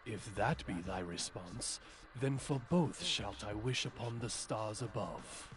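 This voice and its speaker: A man's voice: lowish voice, measured pace, lightly acted, rough recording. A man voicing a theatrical figure in an anime game who speaks in a grand, archaic style. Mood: grandiose. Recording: loud music over the voice.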